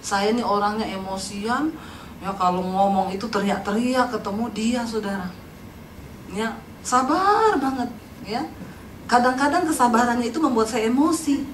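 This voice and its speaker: A middle-aged woman from Central Java preaching a sermon in a lively, humorous way, often asking the congregation questions. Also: a little high, normal speed, background noise. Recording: roomy hall from far off, faint background.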